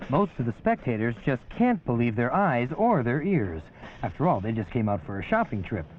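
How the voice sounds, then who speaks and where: A man reads a wry, lightly humorous documentary voice-over from a script, his mid-range voice sing-song at a normal speed. The tinny old 1981 film soundtrack has music and a little hiss or hum.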